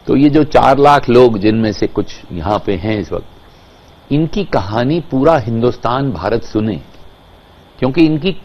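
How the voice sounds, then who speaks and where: A man's voice: mid-range voice, lively intonation, rapid-fire, darkish tone, muffled recording, slight background noise. A man with an Indian accent telling stories as an interview guest, emphatic and switching between languages. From Kashmir, India. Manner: emphatic, mixes Hindi and English.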